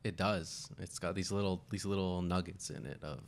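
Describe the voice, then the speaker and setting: Male podcast host from the US, deep, gravelly voice, dry humor. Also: fairly even intonation, normal speed, slight background noise. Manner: dry humor, laughs easily. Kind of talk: casual chat.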